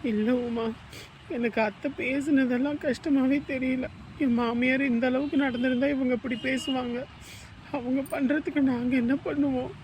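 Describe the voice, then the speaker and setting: A woman's voice: high voice, steady tone, moderate pace, a little mellow, slight background noise, lightly acted, rough recording. A woman playing a hurt but earnest young sister-in-law explaining herself in a family drama. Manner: earnest, pleading. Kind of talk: amateur village family drama acting.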